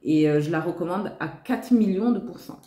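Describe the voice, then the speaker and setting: A woman's voice: lowish voice, expressive, normal speed, warm tone. Gushing woman vlogger in an echoey room. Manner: gushing, enthusiastic, repeats "trop" and "magnifique"; talks straight to viewers. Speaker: vlogger showing her shopping haul. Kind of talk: casual chatty haul vlog.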